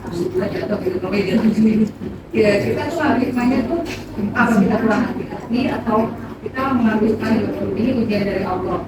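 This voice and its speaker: A woman's voice: medium pitch, fast talker. A woman in the audience asking the preacher a question, hesitant and full of fillers. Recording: echoey room, distant, loud noise.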